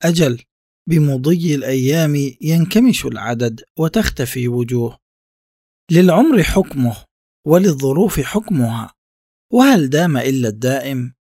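Man, literary narration, reflective and measured, husky tone, gravelly edges. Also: medium pitch, animated, a little mellow, no echo, studio quality. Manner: measured, reflective first-person reading. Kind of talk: literary reading.

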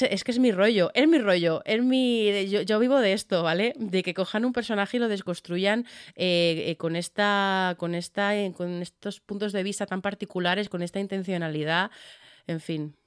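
A woman's voice: mid-range voice, no echo, clean studio sound. A woman, co-hosting a casual film podcast and talking enthusiastically about movies, often restarting her sentences. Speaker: podcast co-host.

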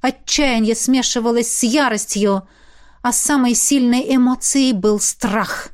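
A woman narrating a fantasy audiobook with an expressive, dramatic reading. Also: fairly high pitch, unhurried.

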